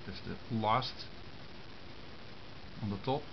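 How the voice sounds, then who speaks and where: Male tutorial presenter, informal and halting delivery, dull camera audio with clear hiss. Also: lowish voice. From Netherlands. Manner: halting, short phrases with pauses. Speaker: amateur radio hobbyist giving a tutorial. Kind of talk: informal step-by-step explanation of hand-drawn diagrams. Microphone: compact camera's built-in microphone. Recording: muffled camera microphone with hiss.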